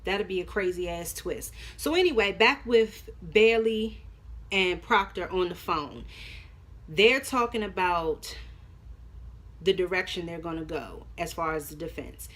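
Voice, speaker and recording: A woman talks through an episode of a show in a relaxed, chatty recap. Her voice sits a little low. She is blunt and slangy and curses freely, like someone venting to friends. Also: measured pace. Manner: candid, profane, slangy commentary. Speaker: TV show reviewer.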